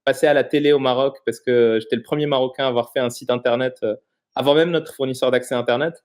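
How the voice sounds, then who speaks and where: A man in his thirties from Morocco, a guest in a casual interview, explaining things in a halting way with frequent pauses. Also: mid-range voice, steady tone, darkish tone.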